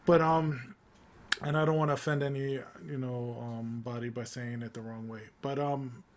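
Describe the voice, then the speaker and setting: A man's voice: medium pitch, normal speed, a little hiss or hum. A man co-hosting a podcast, chatting loosely about politics with lots of fillers and restarts. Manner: rambling, many fillers and restarts, relaxed. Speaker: podcast co-host. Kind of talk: casual political discussion.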